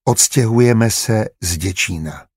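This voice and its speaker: A man voicing a calm, motherly sister in an audiobook, speaking gently but firmly. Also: fairly low pitch, slightly rough, no room sound, studio quality. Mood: pleading. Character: caring, motherly adult sister, calm and firm.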